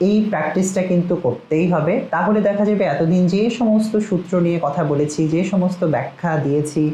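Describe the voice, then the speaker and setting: A man teaching a recitation lesson, saying words slowly one by one for pronunciation practice. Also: high-pitched, mellow, reverberant, a little hiss or hum, poor audio. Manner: slow, measured, spells out words one by one. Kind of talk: pronunciation lesson with word drills. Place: outside the studio, storm and rain outside. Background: storm and rain.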